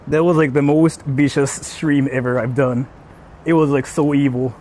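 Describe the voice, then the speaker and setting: On a casual livestream, a man chats with viewers, hesitating, repeating himself, and mixing English with Japanese. His mid-range voice is warm and steady at normal speed, though the low-quality recording carries a little hiss or hum.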